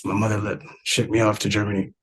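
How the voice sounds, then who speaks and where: Man, 30s, from South Sudan, podcast guest; husky, easygoing storyteller with plenty of fillers. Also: lowish voice, fast, low-quality recording. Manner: relaxed, many fillers and restarts, laughs while telling. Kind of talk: casual interview storytelling.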